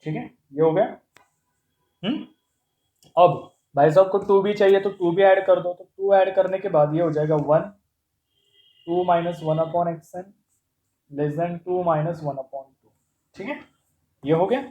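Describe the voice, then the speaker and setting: A man's voice: high voice, a little slow, long pauses, echoey room, phone-quality sound. A man teaching a math lesson step by step, asking rhetorical questions and mixing Hindi with English terms. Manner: playful, calls terms "bhai sahab".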